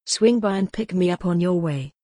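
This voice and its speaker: Low-voiced woman narrating a gothic novel. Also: moderate pace, dark tone, dry recording, studio quality. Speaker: audiobook narrator. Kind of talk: scripted narration.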